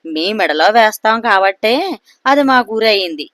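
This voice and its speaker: A woman's voice: medium pitch, animated, moderate pace, a bit bright, dry recording, studio quality, close to an everyday voice. A woman reading the part of a grown husband who teases his wife with jokes, in a spoken family story. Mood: teasing. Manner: teasing, quipping. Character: grown man, teasing joking husband.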